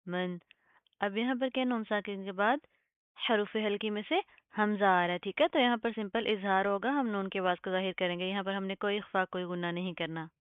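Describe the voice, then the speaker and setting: A woman gives a step-by-step tajweed lesson, checking in with her students again and again. Her voice is smooth and clear. It sounds dry and narrow, like it came through a phone. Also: medium pitch, no room sound. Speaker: Quran recitation teacher.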